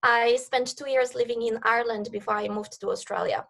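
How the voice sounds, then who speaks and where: Woman, thirties, Polish accent, enthusiastic, slightly high voice, video call guest. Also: fairly even intonation, a little fast, gravelly, a bit bright. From Poland. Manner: enthusiastic, eager. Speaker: guest, networking coach. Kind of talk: interview answers.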